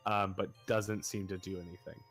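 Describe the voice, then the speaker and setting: A man's voice: low-pitched, little pitch movement, normal speed, fairly bright tone, faint music behind. A young man narrating a tabletop game as dungeon master, hesitant and full of fillers. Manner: hesitant, full of ums and uhs.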